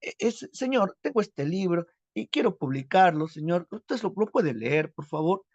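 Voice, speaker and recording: A shy young country poet begs politely in a high, stammering voice, as a male teacher acts him out. The voice is gravelly and slightly husky, on a dull, lo-fi recording. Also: very animated, normal speed, darkish tone, no room sound, heavily acted. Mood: pleading eager. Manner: pleading, stammering, deferential. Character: timid eager young provincial male poet.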